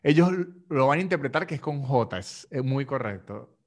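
A man's voice: mid-range voice, normal speed. A man with a Venezuelan Spanish accent hosting a podcast in casual chat, joking and playing with how words are pronounced. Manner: joking, animated, plays with pronunciations. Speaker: podcast host.

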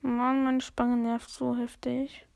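A woman's voice: on the high side, little pitch movement, takes it slowly, vocal fry, darkish tone. A woman giving casual, chatty let's play commentary, thinking aloud in slangy language as the game goes. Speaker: gamer commentating own play.

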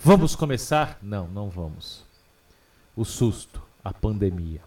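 A Brazilian man hosting a radio show with dramatic, deliberate announcer delivery of a scripted introduction. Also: on the high side, darkish tone, far from the mic.

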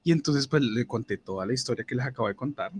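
Young Colombian guy, casual storyteller, animated and profane, slightly husky tone. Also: fast talker. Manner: animated, swearing, mimics others in higher voices. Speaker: podcast host.

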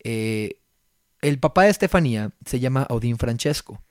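A young man with a Mexican Spanish accent co-hosting a casual podcast chat, telling animated, slangy stories. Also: medium pitch, normal speed, no echo, clean studio sound. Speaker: podcast co-host.

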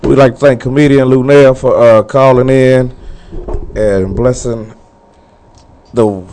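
A man hosting a podcast in relaxed, halting casual banter. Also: mid-range voice, a little hiss or hum. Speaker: podcast host.

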